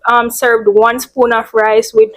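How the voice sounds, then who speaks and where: Slow, hesitant woman. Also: fairly high pitch, flat delivery, a bit bright, rough recording. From Jamaica. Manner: hesitant, many fillers. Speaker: guest, medical student. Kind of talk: casual chat.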